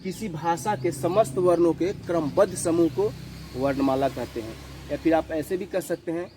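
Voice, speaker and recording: A man's voice: a little high, mellow, a little hiss or hum, poor audio. Patient male teacher repeating each point. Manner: repeats each definition slowly, asks and answers his own questions; mixes in English words. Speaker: school teacher. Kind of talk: classroom grammar lesson.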